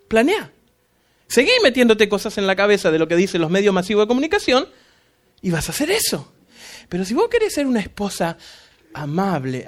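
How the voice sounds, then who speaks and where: A male pastor giving an animated sermon, acting out voices and dropping in English phrases. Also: high voice.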